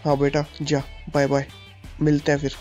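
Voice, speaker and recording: A man's voice: on the high side, completely flat delivery, moderate pace, darkish tone. Brief: man as an enraged father, slightly raised voice, music under. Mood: fatherly. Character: angry poor father of a bad son. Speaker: gaming channel host. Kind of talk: gameplay story narration.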